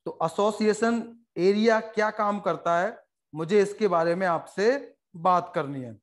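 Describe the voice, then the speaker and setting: Indian guy teaching bio class, high voice, jokey, talks super fast. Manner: joking, animated, fast-talking lecturer who puts on quick voices for stories. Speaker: biology teacher. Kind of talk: classroom lecture.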